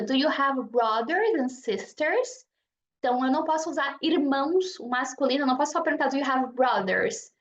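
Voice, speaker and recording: A woman with a high, bright-toned voice teaches a beginners' lesson in a clear, patient way. She slows right down whenever she models an example phrase. The recording sounds a little dull and lo-fi. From Brazil. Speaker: English teacher.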